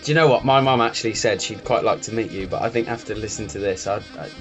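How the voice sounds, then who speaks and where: A man's voice: on the low side, fast talker, a bit bright, faint music behind. A man from England co-hosting a casual podcast chat, tossing in dry wisecracks and poking fun at himself. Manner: dry wisecracks, self-mocking. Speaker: podcast co-host.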